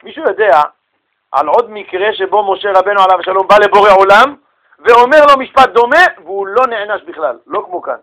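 A man teaching a religious text class, firing rhetorical questions at his students and answering them himself in quick, animated bursts. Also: high-pitched. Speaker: rabbi teaching a Torah class. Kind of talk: lively lecture with rhetorical questions.

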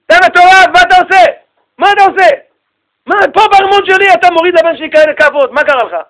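A man voicing an outraged king who shouts at a sage for beating his son. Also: sits high, sing-song, exaggerated voice. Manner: shouting, indignant. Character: furious adult male king, outraged father.

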